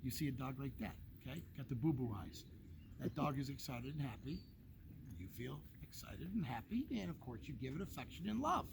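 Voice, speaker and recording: With a mid-range, expressive voice that has some vocal fry, a dog trainer speaks fairly quickly as he gives an owner informal instruction. He leans on down-home comparisons and keeps asking "okay?", with background noise in the clip.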